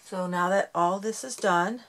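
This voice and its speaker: Working with her hands, a woman runs a casual craft tutorial, chatting her way through each step and poking fun at herself. She speaks at a measured pace in a medium pitch.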